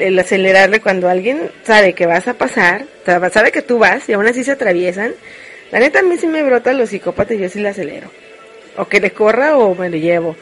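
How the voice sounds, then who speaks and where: A woman with a Mexican accent chatting casually and frankly to live viewers, joking as she rambles through her confessions. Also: medium pitch. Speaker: streamer.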